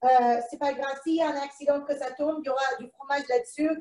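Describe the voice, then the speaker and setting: High-voiced woman chatting through a cooking demo. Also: steady tone, fast talker, warm tone, echoey room, recorded from a distance. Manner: chatty, talks to herself while cooking; speaks French with a foreign accent. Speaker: cooking show presenter. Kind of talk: live online cooking demonstration. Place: kitchen, indoors.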